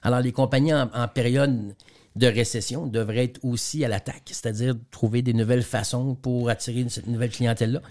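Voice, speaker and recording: Brisk and fairly even in intonation, a Quebec man with a mid-range, darkish voice and a Quebec French accent guests on a radio interview as a trainer and speaker. He works through business examples, repeating words as he goes.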